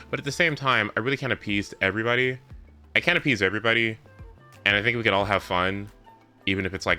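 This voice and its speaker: A young adult man rambles informally while chatting on a video game livestream, with game music in the background. His voice is deep yet pushed and bright.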